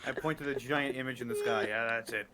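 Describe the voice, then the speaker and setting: A man's voice: mid-range voice, quick pace, crowd noise. A man playing his character in a tabletop game, talking in a hesitant, musing way and often restarting. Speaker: player. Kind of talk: in-character tabletop role-play.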